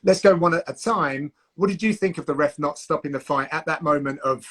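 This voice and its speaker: A man with a fairly high voice hosts a casual streamed interview. He asks questions with a playful, teasing edge. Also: a little fast, a bit bright, slightly rough. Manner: teasing, jokey.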